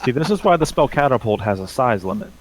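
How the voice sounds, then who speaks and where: A man's voice: mid-range voice, expressive, fast. A man in casual chat as a tabletop game player. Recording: faintly noisy mic with clicks.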